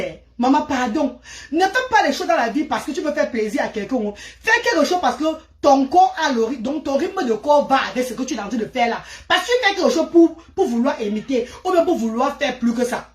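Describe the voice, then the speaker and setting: A woman from Cameroon, telling a story to her viewers in an animated way and repeating words for emphasis. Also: high-pitched. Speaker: vlogger. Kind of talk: casual storytelling monologue. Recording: roomy echo.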